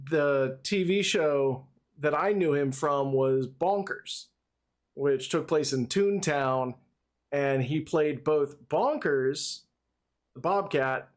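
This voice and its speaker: A man in his thirties or forties giving casual, off-the-cuff commentary as he streams a video game. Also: on the high side.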